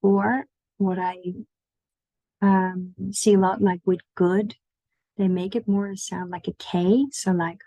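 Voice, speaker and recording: A woman's voice: medium pitch, fairly even intonation, slow, warm tone, dry recording, highs cut off. A woman giving an online language lesson, patiently explaining pronunciation and inviting the listener to repeat after her. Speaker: language teacher.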